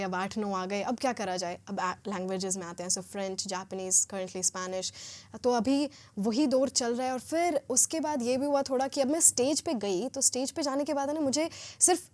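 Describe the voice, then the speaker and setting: A woman, her voice sitting a little higher than most. She speaks as a podcast guest, measured and self-assured, and mixes two languages fluidly. She reflects calmly as she explains her outlook. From Haryana, India. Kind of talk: podcast interview.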